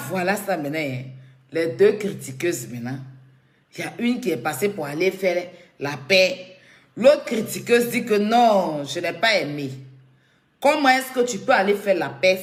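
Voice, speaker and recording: A woman, giving casual, teasing commentary to camera and laughing often. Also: fairly low pitch. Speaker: blogger commenting on a feud. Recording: echoey room.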